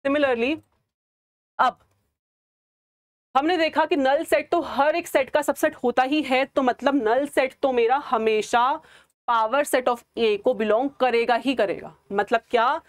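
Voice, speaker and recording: A woman's voice: high voice, slow pace, dry recording. A woman teaching a math lesson, mixing Hindi with English terms and answering her own rhetorical questions. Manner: asks rhetorical questions and answers them herself. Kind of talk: classroom lecture.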